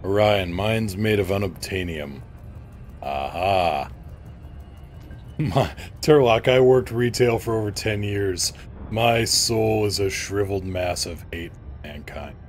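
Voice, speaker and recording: A man's voice: on the low side, slow, faint music behind. A man chatting casually with viewers on a live game stream, joking and playful as he answers them by name. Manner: joking, playful, reads viewer names aloud.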